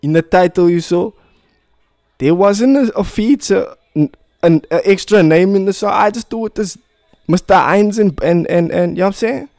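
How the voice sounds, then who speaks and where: Young guy w broad south african cape town accent, slangy reaction chat, emphatic, bit high voice, dry close mic. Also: moderate pace, creaky, no echo. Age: young adult. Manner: animated, emphatic, repetitive, swearing. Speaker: music reaction video host. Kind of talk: casual slangy reaction commentary. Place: small plain room indoors. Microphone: close studio microphone on boom arm.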